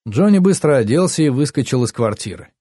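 A man narrating a first-person story, tense and hushed, his voice dropping low at grim moments. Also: big pitch swings, a little fast, slightly rough, no echo, studio quality. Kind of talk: audiobook narration.

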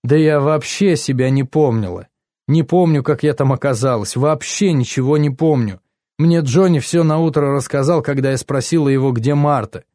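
A man's voice: medium pitch, normal speed, mellow, dry recording, clean studio sound, close to an everyday voice. A man voicing a young woman in an audiobook, who pleads and then turns indignant. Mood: pleading. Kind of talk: audiobook character voice.

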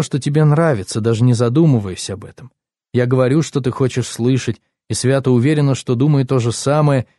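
A man reading the lines of an anxious, tender young woman in love in an audiobook story, speaking softly and earnestly. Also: mid-range voice, no room sound, studio quality, close to an everyday voice.

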